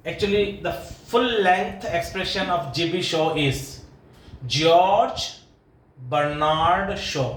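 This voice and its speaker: A man with an Indian English accent, an English literature professor giving an exam-prep lecture, patiently explaining and repeating pronunciations. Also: on the high side. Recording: echoey room with faint ambient noise.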